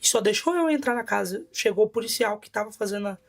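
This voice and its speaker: A woman's voice: mid-range voice, expressive, fast, vocal fry. A woman with a Brazilian Portuguese accent, a bishop giving a personal testimony in a vivid, dramatic storytelling manner.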